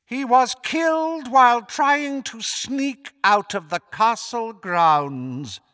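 Evil wizard lord for an audiobook, high soft hissy voice, really slow and mocking, cold as anything. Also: male voice, lively intonation, no room sound, studio quality, heavily acted. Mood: relishing lie. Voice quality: soft, hissing, silky. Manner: slow, drawn-out, pompous menace.

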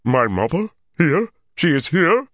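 Man doing a huge gentle Ogier, rumbly, bookish and excitable; lively pitch swings, in a dead-dry booth. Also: unhurried, dry recording. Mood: alarmed. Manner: earnest, flustered. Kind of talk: audiobook character voice.

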